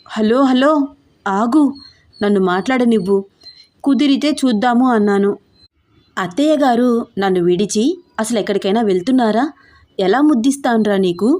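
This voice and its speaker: A woman's voice: on the high side, moderate pace, pauses often, darkish tone, lightly acted. A woman voicing a shy, playful young bride in an audio story, coy and mock-scolding.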